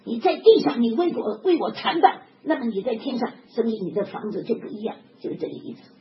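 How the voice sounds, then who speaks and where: An older woman preaching a sermon in an animated, emphatic way, often chuckling. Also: fairly high pitch, fast. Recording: dull lo-fi recording with background noise.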